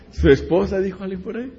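A male preacher delivers a sermon, turning dramatic as he voices scripture characters and then speaking straight to his congregation. His voice is somewhat high and husky. The recording is dull and lo-fi, with a long reverb trailing through the hall. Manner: animated, dramatic voicing of scripture characters, direct asides to the congregation.

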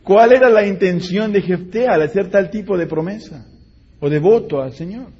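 A man's voice: high voice, normal speed, slightly rough. A man preaching a sermon in a church, retelling scripture with dramatic voices and speaking directly to the congregation. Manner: animated, dramatic voicing of scripture characters, direct asides to the congregation. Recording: dull lo-fi recording with long hall reverb.

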